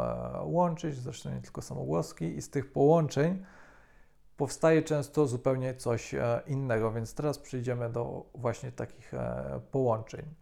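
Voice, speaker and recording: A man calmly explaining French pronunciation as a language teacher, with frequent hesitation sounds. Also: medium pitch, creaky.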